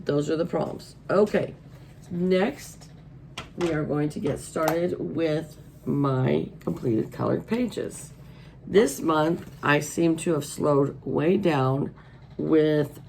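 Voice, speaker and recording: A middle-aged American woman with a hoarse, allergy-congested voice, chatting casually as host of a hobby vlog. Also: sits low, a little mellow, slight background noise. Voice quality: froggy, hoarse. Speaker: host of a colouring channel. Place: indoors at a wooden table.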